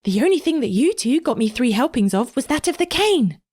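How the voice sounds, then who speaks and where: A woman voicing an angry young schoolboy, normally quiet and timid, in a storybook reading. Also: lively intonation, brisk, breathy edge. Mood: raging. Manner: indignant, high boyish delivery.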